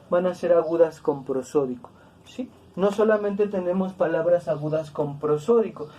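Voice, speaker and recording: A woman teaching a grammar lesson, speaking slowly and deliberately, repeating words to stress each syllable. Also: on the low side, mellow. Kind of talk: classroom-style grammar lesson.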